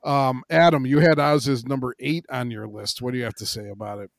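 Gravelly-voiced man hosting a podcast. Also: medium pitch, steady tone, brisk, no room sound, clean studio sound. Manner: blunt, profane, moderating the panel. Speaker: podcast host running a countdown list. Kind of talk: casual podcast chat.

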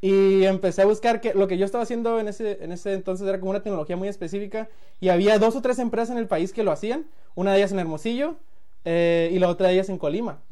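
His voice is high-pitched and warm, and he talks at a quick pace. The man, in his late twenties and from Sinaloa with a Mexican accent, is a guest telling his story in a loose, laughing casual chat, full of restarted phrases and acted-out quotes.

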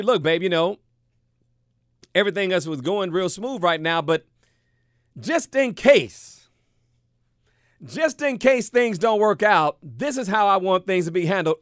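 A middle-aged man hosting a radio talk show, speaking in a lively, conversational way and repeating his points for emphasis. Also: high-pitched, dry recording, clean studio sound. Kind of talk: casual radio talk monologue. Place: radio studio.

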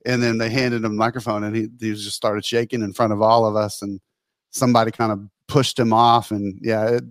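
A man's voice: lowish voice, flat delivery, fairly quick, no room sound. Man, middle-aged, podcast co-host, casual chat, rambling, laughs while talking, dry recording.

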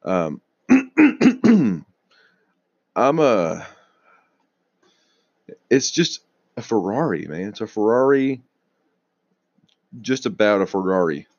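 A young man casually rambling on his own show, restarting sentences, swearing now and then and clearing his throat a lot, sounding tired. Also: lowish voice, very animated, slow pace, pauses often, darkish tone, no echo, lo-fi sound. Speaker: auto news vlogger.

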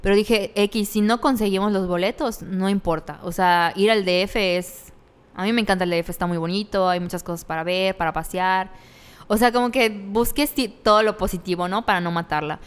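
A woman's voice: medium pitch, fairly quick, clean tone, in a large hall. A woman with a Mexican accent chatting casually, telling a candid personal story with slang. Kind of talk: casual chat.

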